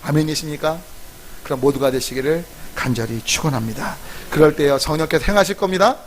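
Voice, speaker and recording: A male pastor preaching a sermon, emphatic, calling out to the congregation and acting out prayers, swinging from loud to near whisper. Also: fairly high pitch, brisk, a little hiss or hum.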